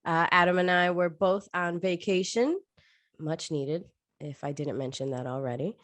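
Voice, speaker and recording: A woman's voice: fairly low pitch, steady tone, moderate pace, a bit bright, no echo. A woman co-hosting a casual podcast, jokey and self-deprecating, sounding very nasal and congested from being sick, as if her nose were pinched. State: sick with covid. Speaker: podcast co-host.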